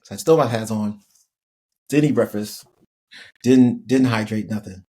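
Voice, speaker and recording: A podcast guest in middle age, formerly a college football player, shares an easygoing, laughing story in a lowish, slightly rough voice at a measured pace. His speech is packed with fillers, especially "like."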